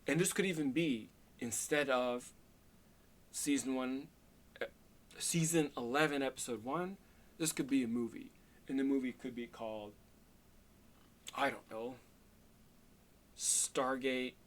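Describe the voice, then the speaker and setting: A man casually pitching his ideas to camera, rambling and hesitant, with many fillers and restarts but plenty of enthusiasm. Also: unhurried, long pauses. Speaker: video creator pitching fan ideas. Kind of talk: casual solo talk to camera.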